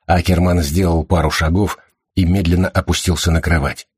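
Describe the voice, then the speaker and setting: A man narrating an audiobook in a steady, even reading. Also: sits low, normal speed, husky, no echo, studio quality.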